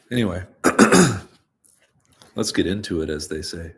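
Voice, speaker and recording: A man with a low, husky voice reads stories on a live stream, chatting loosely between them. He sounds a bit stuffy and nasal, rambling in a relaxed way with many fillers.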